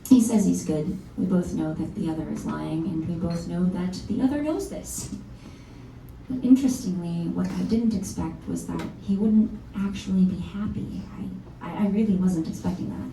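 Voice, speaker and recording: A woman's voice: fairly low pitch, moderate pace, vocal fry, mellow, a little hiss or hum. An actress playing a frank, wry singer-songwriter of about thirty back in her hometown, in a confessional stage monologue at a live reading. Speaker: lead actor in a one-woman musical. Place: small performance venue. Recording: roomy venue from far off, faint instrument.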